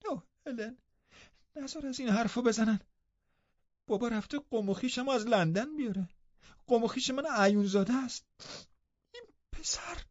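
A man's voice: fairly high pitch, sing-song, pauses often, warm tone, dry recording, voice pushed up. A haughty, spoiled young girl, as a male reader puts her on in an audiobook, with a raised, bossy voice. She snaps orders indignantly and slips into tearful upset. The recording sounds slightly muffled. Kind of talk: audiobook character voice.

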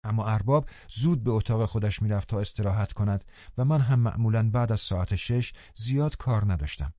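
A man narrating a novel in a calm, measured way, his voice dark and mellow. The sound is dry and close, slightly dull and muffled. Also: on the low side, no room sound. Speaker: audiobook narrator. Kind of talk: scripted narration.

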